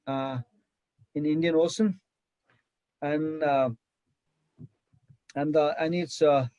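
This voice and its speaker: Male panel chair on a video call, halting and filler-heavy, fairly high voice, dry sound. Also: a little mellow, no echo, rough recording. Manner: hesitant, many fillers and restarts. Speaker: session chair. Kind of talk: moderating an online academic panel.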